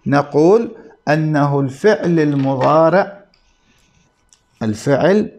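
A male grammar teacher with a somewhat high voice lectures at an unhurried pace. He spells out each point deliberately and repeats terms for his class. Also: expressive, darkish tone. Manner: slow, deliberate explaining with repetition, addressing students.

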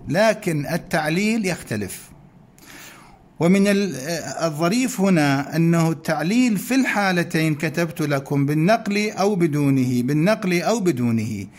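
Male teacher, higher voice, patient step-by-step explainer who repeats points and quizzes his listeners. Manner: slow, repeats points, asks questions of listeners. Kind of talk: recorded grammar lesson.

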